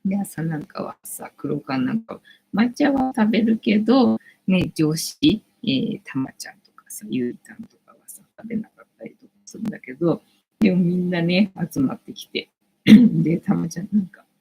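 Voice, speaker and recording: A woman's voice: lowish voice, lively intonation, moderate pace, creaky, dark tone, slightly rough, low-quality recording. A woman in her late forties hosting a casual livestream from home, rambling chattily with lots of fillers. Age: late 40s. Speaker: livestream host.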